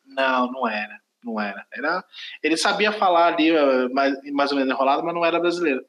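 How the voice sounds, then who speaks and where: A man's voice: mid-range voice, fast talker, a bit bright, echoey room, muffled recording. A Brazilian man hosting a podcast, telling a travel story in casual chat, rambling and correcting himself. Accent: Brazilian Portuguese. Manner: rambling, self-correcting, laughs at own story. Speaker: podcast host.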